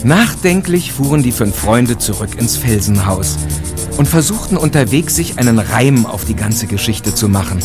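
A man's voice: mid-range voice, lightly acted. A man narrating a scripted German audio drama as the storyteller. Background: music.

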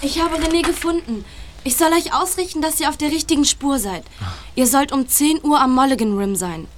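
An actress playing a shy, tearful young woman in a German radio drama, talking softly and hesitantly. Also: sits high, a little fast, slight background noise, lightly acted. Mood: earnest. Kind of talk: German radio-play acting.

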